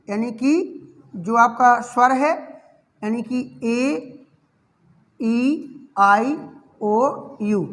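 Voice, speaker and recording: A man's voice: very high voice, a bit bright. A male English grammar teacher giving a classroom lecture, asking the class questions over and over, answering them himself, and fondly calling his students child.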